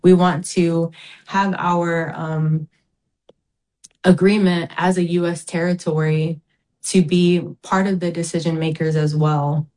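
A woman from American Samoa speaks in a fairly low, earnest voice. She answers interview questions in a measured way and speaks with pride about her home community. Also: flat delivery, darkish tone, slight background noise, low-quality recording. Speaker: interview guest, community advocate.

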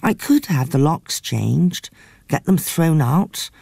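A woman's voice: low voice, expressive, slow pace, vocal fry, dark tone, slightly rough, no echo, full character voice. A woman reading an audiobook, voicing a flamboyant, self-pitying woman who gossips theatrically. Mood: rueful gossip. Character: flamboyant, rueful woman fleeing her own house. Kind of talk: audiobook character voice.

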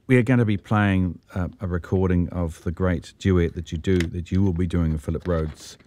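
A man's voice: low voice, fairly even intonation, moderate pace, warm tone, a little hiss or hum. A man hosting a radio interview, asking brief, direct questions.

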